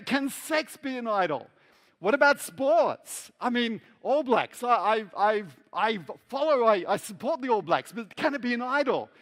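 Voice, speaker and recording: A middle-aged man from New Zealand preaching a sermon, repeating phrases and asking the congregation questions, swinging between loud emphasis and quiet asides. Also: very high voice. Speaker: pastor.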